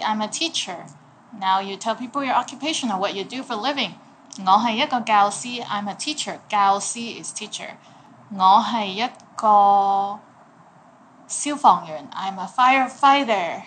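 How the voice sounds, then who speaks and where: A woman teaching a language lesson, saying each phrase slowly and clearly, then translating it patiently. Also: medium pitch, fairly bright tone, slight background noise. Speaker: Cantonese teacher.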